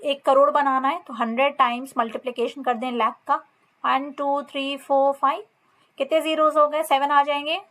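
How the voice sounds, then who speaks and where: A woman's voice: high-pitched, flat delivery, a bit bright. A woman with an Indian accent teaching a maths lesson, reading textbook lines and explaining step by step. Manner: reads textbook lines slowly, explains in mixed Hindi and English.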